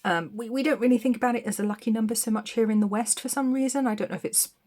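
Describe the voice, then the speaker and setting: A tarot reader, a woman, gives an intuitive reading to camera, recorded on a phone. She talks quickly in a slightly high voice, meandering and reflective, with frequent ums and soft restarts.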